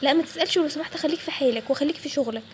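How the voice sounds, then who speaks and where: A woman's voice: high-pitched, rapid-fire, a little hiss or hum, natural voice. A woman with an Egyptian Arabic accent voicing an exasperated young bank clerk in a toy role-play story. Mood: annoyed. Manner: exasperated, snapping back.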